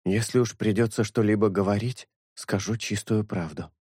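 A man's voice: lowish voice, fairly even intonation, a little mellow, slightly rough, no echo, studio quality. A man doing an earnest young priest. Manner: measured, thoughtful and sincere. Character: earnest young male priest, calm and honest.

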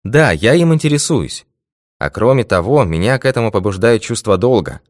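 A calm, methodical detective speaks in a measured, confident way, as a man reads him aloud. The voice sits deep and low. The sound is close and dry, with no room around it. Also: no echo, natural voice. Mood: assured.

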